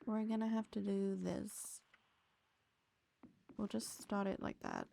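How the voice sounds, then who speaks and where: A woman's voice: mid-range voice, steady tone, takes it slowly, creaky, dark tone, a little hiss or hum. A woman streaming a farming game, chatting casually to her viewers and her pets with jokey asides. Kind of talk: casual gameplay commentary.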